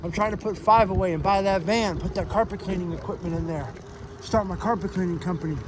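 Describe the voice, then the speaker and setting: A man's voice: sits high, quick pace. A man vlogging casually outdoors to his followers in an earnest, rambling, plain-spoken way, with a slight lisp from missing front teeth. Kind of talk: casual motivational vlog talk to followers. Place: outdoors on a bike trail, riding an electric bike. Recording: outdoors with loud wind and traffic noise.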